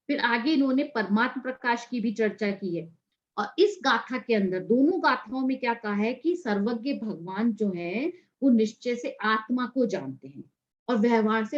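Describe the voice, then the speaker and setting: A woman's voice: fairly high pitch, echoey room, lo-fi sound. A woman teacher explaining scripture to students, asking and answering her own questions. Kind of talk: scripture class lecture.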